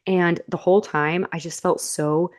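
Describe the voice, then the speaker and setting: A young adult woman guest on an interview, telling stories in an animated way and acting out what she and others said. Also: lowish voice, unhurried. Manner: animated storytelling, quoting herself and others. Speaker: podcast guest. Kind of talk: casual interview chat.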